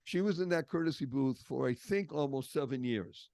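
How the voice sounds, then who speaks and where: A man's voice: mid-range voice, animated, normal speed, vocal fry, darkish tone, dry recording. An older man from the Boston area with a Boston accent, a podcast guest telling stories expressively and stressing key words. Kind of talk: storytelling interview.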